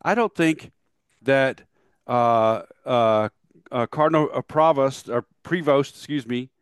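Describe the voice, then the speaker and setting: A man co-hosting a casual talk show, easygoing and agreeable, with halting restarts. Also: medium pitch, clean tone, no echo, studio quality. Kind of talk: casual chat.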